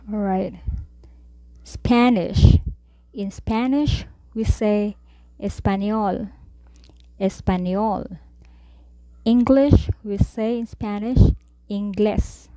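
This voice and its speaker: A woman tutor teaching a Spanish vocabulary lesson, saying each word and then repeating it slowly for learners. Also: mid-range voice, warm tone, no echo.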